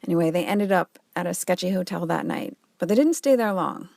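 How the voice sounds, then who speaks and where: A woman's voice: lowish voice, lively intonation, fairly quick, vocal fry, a little mellow, dry recording. A woman reading scripted narration for a radio documentary.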